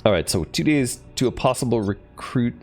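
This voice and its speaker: A man's voice: medium pitch, animated, normal speed, darkish tone, faint music behind. A man casually thinking aloud while playing a strategy game, with lots of ums and hesitations. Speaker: gaming channel host. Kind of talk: casual let's play commentary.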